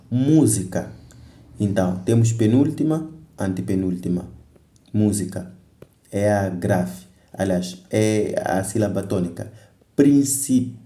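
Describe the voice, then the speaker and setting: A man's voice: fairly low pitch, warm tone, echoey room. A man teaching a grammar lesson for exam preparation, explaining step by step, repeating examples and correcting himself as he goes. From Mozambique.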